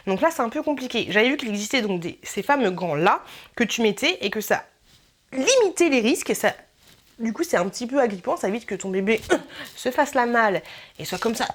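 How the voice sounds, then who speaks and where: A woman's voice: a little high, big pitch swings, fairly quick. A woman YouTuber talking through her wishlist in a casual vlog, chatty and playful, rambling with filler asides.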